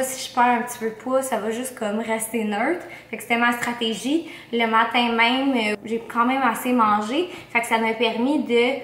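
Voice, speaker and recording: A young woman with a Québécois French accent chats casually in a slangy vlog style sprinkled with English words, her mouth swollen after wisdom teeth removal. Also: on the high side. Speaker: vlogger. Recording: roomy echo, faint background noise.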